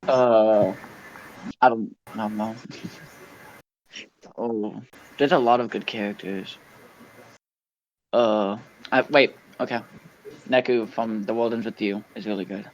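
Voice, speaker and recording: A man's voice: fairly low pitch, fairly even intonation, slow, long pauses, muffled recording, a little hiss or hum. A man guesting on a podcast, speaking hesitantly in casual chat. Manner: hesitant, lots of ums and restarts.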